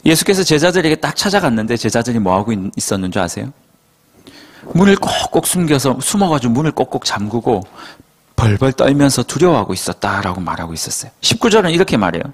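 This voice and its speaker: A male pastor preaching a sermon as lively storytelling full of rhetorical questions. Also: medium pitch, fast talker.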